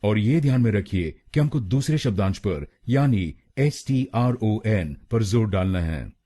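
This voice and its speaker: A man with an Indian accent teaching pronunciation, spelling out syllables slowly and repeating each sound. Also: on the low side, animated, mellow. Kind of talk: slow instructional explanation.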